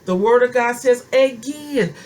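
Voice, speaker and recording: A woman's voice: fairly high pitch, a little slow, darkish tone, a little hiss or hum, low-quality recording. A woman preacher giving an informal, fervent sermon to her viewers, talking conversationally and repeating phrases for emphasis. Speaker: preacher and self-styled prophetess.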